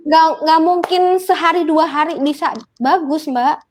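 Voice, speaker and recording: A woman's voice: high voice, fairly even intonation, moderate pace, a little hiss or hum. A young woman with a Javanese accent, a guest coach explaining public speaking drills in casual talk show chat and demonstrating newsreader-style delivery.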